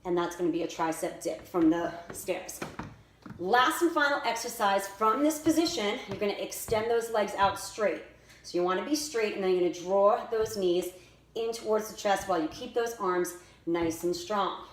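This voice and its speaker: A woman fitness instructor gives directive, step-by-step workout instructions and exercise cues indoors beside a staircase. Her voice is mid-range and her pace moderate. The room is echoey with faint noise.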